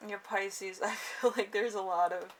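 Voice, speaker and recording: A woman's voice: medium pitch, fairly even intonation, unhurried. A woman giving a casual, improvised tarot horoscope reading, rambling and hesitant as she goes. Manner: rambling and hesitant, trailing off with frequent chuckles. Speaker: tarot card reader and channel host. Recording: noisy room, distant microphone.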